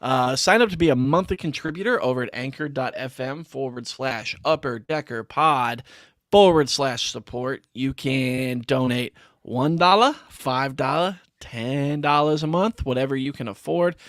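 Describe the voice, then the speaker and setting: A man's voice: medium pitch, moderate pace, a bit bright, dry recording, clean studio sound. Easygoing slangy man hosting a podcast. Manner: easygoing, slangy, says "bro" often. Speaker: podcast host. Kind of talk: casual chat.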